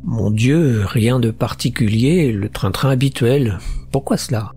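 A man's voice: medium pitch, unhurried, mellow, faint music behind, lightly acted. A man reading aloud voices a placid office-worker father who turns curt and menacing. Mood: weary.

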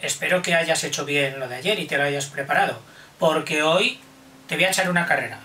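A man's voice: fairly high pitch, brisk, sharp tone, slight background noise. Playful older man in an echoey room. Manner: playful, racing the listener through number sequences. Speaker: teacher. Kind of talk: children's counting lesson. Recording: echoey room, heard from a distance.

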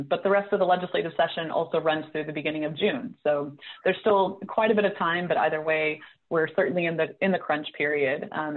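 Earnest woman advocate, panel speaker, heard over a thin phone-like call line. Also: deep voice. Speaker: cannabis policy advocate. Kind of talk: panel discussion on a video call. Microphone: video call. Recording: tinny phone-like audio.

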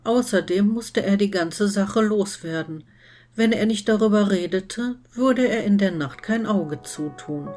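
A woman reading fan fiction aloud in steady, scripted storytelling narration. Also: medium pitch, unhurried, soft background music. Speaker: reader.

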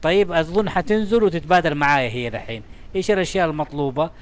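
A young man rattles through his let's-play commentary at a rapid clip. His voice sits a little high, and he keeps up an excitable, chatty patter, talking straight to the game and everything in it. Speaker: gaming channel host.

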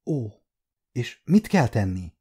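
A man voicing a timid, easily shaken alien interrogator who speaks in a quiet, formal, subdued way, in a storybook reading. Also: mid-range voice, sing-song, breathy edge.

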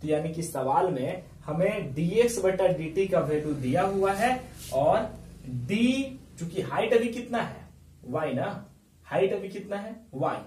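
A man's voice: high-pitched, animated, a little slow, a little mellow, slight background noise. A man teaching a math lesson with a Bihari Hindi accent, explaining step by step and answering his own questions. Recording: echoey room, mic far off.

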